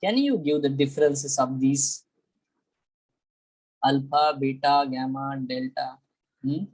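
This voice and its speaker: Teaching biology online with an Indian accent, a man mixes Hindi and English, addresses students as "beta," and keeps asking check questions to be sure they follow. His medium-pitched voice moves extremely slowly, and the recording quality is low.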